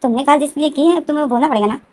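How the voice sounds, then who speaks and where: A woman's voice: high voice, racing, darkish tone, no room sound, pitched above the performer's own voice, lightly acted. A woman voicing a teasing, persistent young man who is playful and smug. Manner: teasing and insistent.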